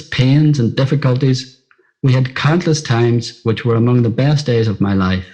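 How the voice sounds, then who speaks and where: A middle-aged man with a Northern Irish accent reads his own scripted personal story, plain-spoken and simple in his storytelling. His mid-range voice is a little mellow, and the recording quality is low.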